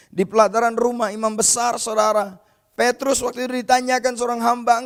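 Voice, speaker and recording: A male pastor with a very high, creaky voice delivers a conversational, informal sermon full of casual asides. He keeps addressing his listeners as "saudara," meaning brother, and retells scripture by acting out the characters in quoted voices.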